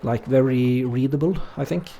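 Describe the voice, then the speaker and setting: Speaking in a mid-range voice at normal speed, this Norwegian-accented streamer plays a game and chats loosely with his audience. He's laid-back yet hesitant, leaning on plenty of fillers, and he reads viewer comments aloud.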